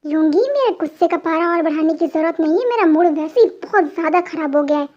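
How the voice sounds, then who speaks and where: A woman's voice: extremely high pitch, expressive, fast, darkish tone, dull audio. A woman voicing a sulky, scolding young wife. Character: angry pregnant young wife, scolding her husband. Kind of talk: amateur fan dub.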